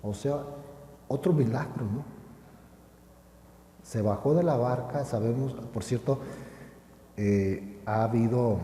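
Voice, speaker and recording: A man's voice: medium pitch, warm tone, slight background noise. A middle-aged male priest giving a homily, speaking earnestly and directly to his listeners in a pastoral way. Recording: roomy hall with long reverb.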